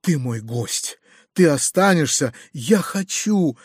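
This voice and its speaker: A man reads as a frightened, good-natured middle-aged uncle, pleading in a shaky, flustered rush. The voice sits raised and high in a storybook reading, with a dry, close sound and no room around it. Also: animated, takes it slowly, husky, dry recording, exaggerated voice. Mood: anxious. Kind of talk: audiobook character voice.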